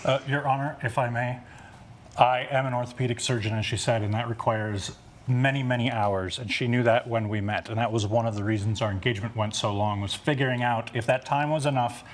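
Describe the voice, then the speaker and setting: A middle-aged man answering as co-defendant in a televised courtroom, formal and composed. His mid-pitched voice carries over a faint room ambience. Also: fairly even intonation, brisk, slight background noise. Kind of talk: courtroom testimony.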